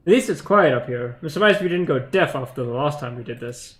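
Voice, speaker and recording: A man's voice: fairly high pitch, animated, a little fast, lightly acted. A man doing a straight-laced serious cop. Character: straight-laced serious male police detective.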